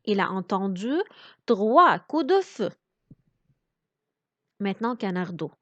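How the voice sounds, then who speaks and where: Lady teacher going super slow, spelling out every sound, dull dry lo-fi recording. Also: mid-range voice, big pitch swings, a bit bright, no echo. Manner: slow, over-articulated, explaining pronunciation. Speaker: French reading teacher. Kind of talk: reading lesson.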